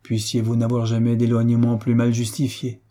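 Pious schemer, older woman, unctuous and sighing, voiced by a man with a dark, husky tone. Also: mid-range voice, monotone, normal speed, lightly acted. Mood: sanctimonious.

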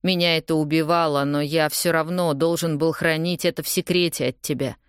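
A woman reading an audiobook, voicing a guilty young man who defends himself in a low, earnest voice. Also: fairly even intonation, a little fast, clean tone, no echo, studio quality, close to an everyday voice. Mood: defensive, pleading.

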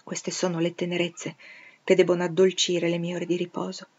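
A woman reading the lines of a bitter, commanding middle-aged gentleman, raising her voice in forceful outbursts. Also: on the low side, monotone, normal speed, husky, muffled recording.

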